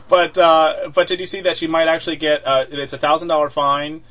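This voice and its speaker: A man's voice: fairly high pitch, level tone, brisk, a bit bright. Chatty male podcast host, lo-fi sound. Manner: chatty, many fillers and restarts, laughs often. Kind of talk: casual chat. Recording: dull lo-fi sound.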